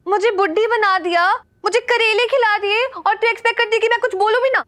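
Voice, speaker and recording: A woman's voice: very high voice, steady tone, brisk, a bit bright. A young woman playing a friend in a TV sitcom, complaining in a whiny way. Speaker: friend in disguise. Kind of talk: TV sitcom acting.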